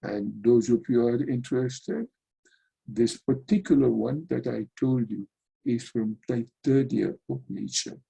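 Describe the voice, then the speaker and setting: Slow, gravelly man giving a spiritual talk. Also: mid-range voice, mellow, poor audio. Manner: slow, earnest, addresses listeners as dear friend. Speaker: yoga teacher.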